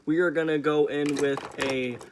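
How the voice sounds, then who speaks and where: A man's voice: a little high, fairly even intonation, normal speed, slight background noise. A young man with a sassy, emphatic drag-queen delivery, chatting casually as he hosts a makeup tutorial. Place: indoors, small room at home.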